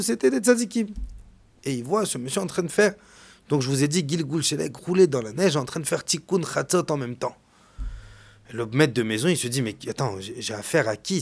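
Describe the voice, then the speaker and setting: A man, a rabbi, delivering a storytelling sermon, swinging from hushed to loud. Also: fairly high pitch, creaky.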